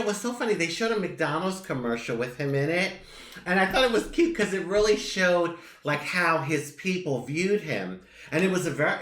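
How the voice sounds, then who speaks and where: A woman's voice: low-pitched, fairly bright tone, reverberant. A woman hosting a casual talk show, playful and giggly with a flirtatious streak. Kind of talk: casual chat.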